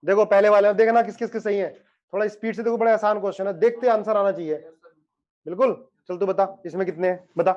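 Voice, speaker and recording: A male chemistry teacher with a high voice teaches an online class in a playful, teasing way. He explains with everyday analogies. The recording is dull and lo-fi. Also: steady tone, quick pace, a little mellow. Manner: joking, teasing students by name. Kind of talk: online lecture.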